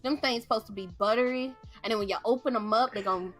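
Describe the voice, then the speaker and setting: A young woman co-hosts a casual live-stream podcast. Her slightly high voice teases and reacts quickly, full of animated disbelief. Faint music runs underneath. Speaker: podcast co-host.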